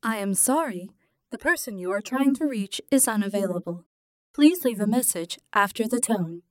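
A woman voicing an automated voicemail greeting heard over a landline phone, in a flat, polite announcement manner. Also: medium pitch, normal speed, no echo, voice pushed down. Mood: recorded, polite. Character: automated female phone answering message.

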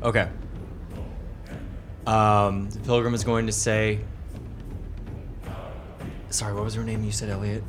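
A man talks casually as a player in a tabletop game. His voice is on the low side, with faint music behind it. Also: flat delivery, measured pace, long pauses.

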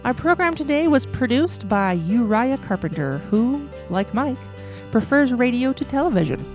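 Woman radio host, measured scripted narration, soft music underneath. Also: a little high, big pitch swings.

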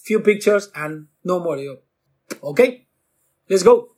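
Animated man telling stories. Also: measured pace, slightly rough. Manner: acts out quotes with jumps in pitch, non-native grammar. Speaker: guest bartender. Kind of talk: animated storytelling.

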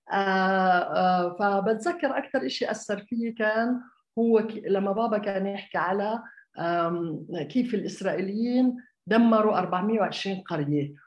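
An architect raised in Jordan gives a conversational public talk, hesitating often with many fillers and restarts. Her medium-pitched voice comes through lo-fi in an echoey room.

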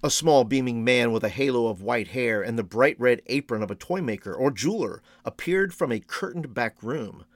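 A man reading a storybook aloud in a measured, expressive storytelling manner. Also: medium pitch, dry recording. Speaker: reader.

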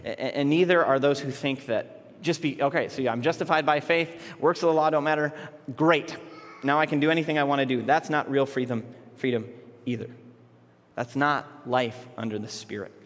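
A man's voice: mid-range voice, steady tone, normal speed. A man preaching a sermon as pastor, in a conversational way with frequent restarts and repeated words. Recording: long hall reverb.

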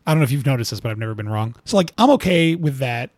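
A man's voice: mid-range voice, animated, very fast, a little mellow, dry recording, studio quality. A man talking casually as an interview guest, rambling with lots of fillers and laughing at his own stories. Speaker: cartoonist guest.

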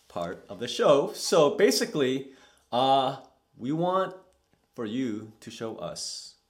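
A man hosting a casual podcast interview, teasing his guest playfully and laughing often. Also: mid-range voice. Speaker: podcast host. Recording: roomy echo.

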